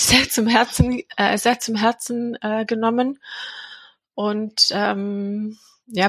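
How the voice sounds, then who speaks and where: The mother of a child with a heart defect, an Englishwoman in her thirties, hesitantly shares her testimony in English-accented German, often using fillers and starting over. Her medium-pitched voice is fairly bright with a breathy edge, and there is no room sound.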